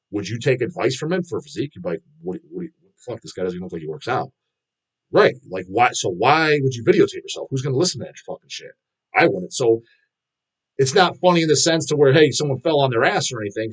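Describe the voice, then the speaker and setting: A man's voice: mid-range voice, slightly rough. A man talking loosely to his chat in an ordinary mid-range voice. He rambles, trips over restarts and fillers, and curses freely as he mocks what he sees at the gym. The tone is blunt and unpolished, like off-the-cuff live-stream talk. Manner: rambling and heavily profane, many restarts and fillers. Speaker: streamer answering viewer questions.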